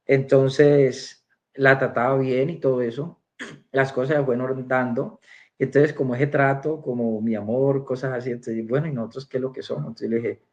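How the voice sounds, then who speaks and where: A man's voice: mid-range voice, fairly even intonation, normal speed, dull audio. A man giving a spoken personal testimony as a church member, telling his story and acting out the dialogue.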